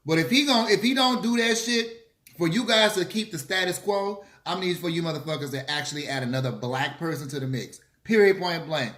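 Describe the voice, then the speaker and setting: A bright, forceful man's voice, pitched a little high, in a roomy echoing space. He chats casually between bites of food, sassy and opinionated, punching his points with slang and swearing. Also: brisk. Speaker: vlogger hosting a mukbang. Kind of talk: casual chit-chat to camera while eating. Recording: roomy, echoey room sound.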